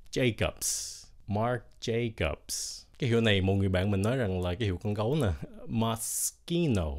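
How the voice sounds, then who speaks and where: A man teaching pronunciation in a casual spoken lesson, saying words slowly and carefully, syllable by syllable. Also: lowish voice, darkish tone. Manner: slow, over-enunciated, repeats words syllable by syllable.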